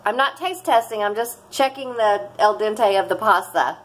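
Filmed in her home kitchen on a fixed camera close by, this vlogger in her forties rambles chattily through a cooking video and laughs a lot. Her voice is medium-pitched at a normal speed, though the audio quality is poor.

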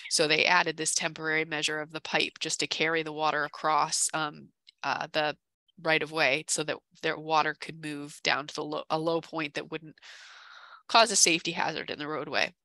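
A town conservation staffer presents a case at an informal meeting from an indoor room over a video call, speaking through a headset. Her low, bright voice stays level in tone but is starting to give out, and she explains haltingly. No room sound is audible.

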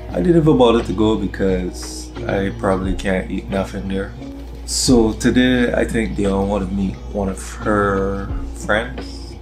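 A man from Barbados talks casually to the camera in a travel vlog, laid-back and going with the flow. His voice is low-pitched with vocal fry, and he's in a hotel room with background music playing under his voice.

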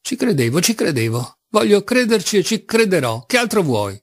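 A man's voice: mid-range voice, animated, normal speed, lightly acted. A man reading an audiobook, voicing a tired, irritated young male novice who answers curtly. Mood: weary. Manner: curt and tired. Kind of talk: audiobook reading of a classic novel.

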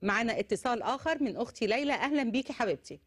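Middle-aged female host, brisk and encouraging, fast, dry lapel mic. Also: fairly high pitch, animated, breathy edge, no room sound. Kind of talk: TV talk show hosting. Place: TV studio.

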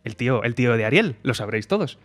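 A man from co-hosting a podcast, animated and exclamatory, often saying "tío". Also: mid-range voice, fast, faint music behind. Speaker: podcast co-host. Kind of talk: casual chat.

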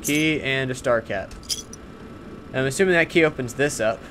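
A man giving casual let's-play commentary, chatty and easily spooked, who yells and swears when fights get tense. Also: medium pitch, moderate pace, background noise.

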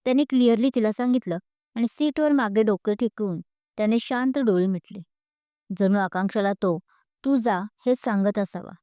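A woman storyteller reading a serialized love story in a steady, expressive way. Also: mid-range voice, normal speed, clear, resonant tone, no echo, clean studio sound.

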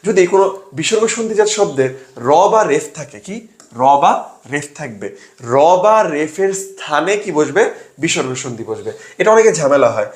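A man's voice: fairly high pitch, very animated, moderate pace, roomy sound. A young man tutoring students for an admission exam, drilling grammar by asking a question and then answering it himself. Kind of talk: classroom lesson with sales pitch.

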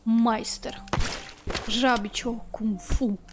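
High-voiced, excitable woman gamer. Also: slow pace, music in the background. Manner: excitable, shrieks when frustrated; talks to the game. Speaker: gaming streamer. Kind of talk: let's-play commentary.

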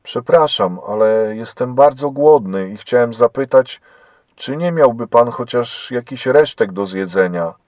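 A man's voice: mid-range voice, animated, measured pace, darkish tone, no room sound, dull audio, close to an everyday voice. A man reading as a timid starving prisoner. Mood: timid, apologetic. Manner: timid and humble. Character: starving, meek male prisoner.

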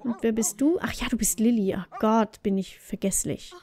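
A woman's voice: on the high side, normal speed, mellow. A woman hosting a let's play, chatting casually through her gameplay and talking directly to the game characters.

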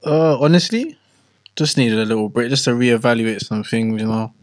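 A man's voice: medium pitch, normal speed, no echo. Young man, mid-range voice, London roadman accent, casual podcast banter, close and dry. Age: young adult. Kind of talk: casual group banter in street slang. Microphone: boom-arm podcast microphone.

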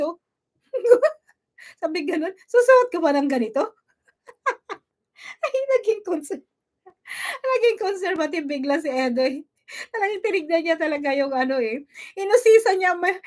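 A woman from the Philippines hosting a vlog, chatting casually about a video, laughing often and reading out viewer shout-outs. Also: extremely high pitch. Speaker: vlog host commenting on a video. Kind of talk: casual live commentary.

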